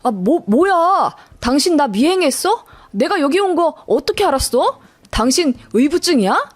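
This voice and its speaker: Storybook read: a woman voicing a caught-out husband, stammering and shouting back, lifted pitch. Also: very animated, moderate pace, no room sound. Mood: flustered. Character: flustered husband caught lying, defensive.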